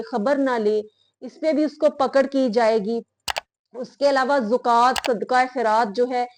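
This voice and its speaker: Woman preacher, high voice, slow earnest delivery, religious talk. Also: a little mellow. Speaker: religious speaker. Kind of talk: Islamic moral talk.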